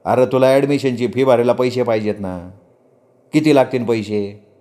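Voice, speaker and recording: A man voicing a caring but blunt rural older brother who speaks in a rough village manner. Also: mid-range voice, moderate pace, warm tone, natural voice. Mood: coaxing. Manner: blunt village dialect, coaxing.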